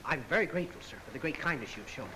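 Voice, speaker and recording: A man's voice: a little high, animated, rapid-fire, lightly acted. An actor playing an earnest, courteous young man with formal, flowery phrasing in a 1930s comedy film. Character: earnest, courteous young man raised among missionaries in China. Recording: hissy 1930s film soundtrack.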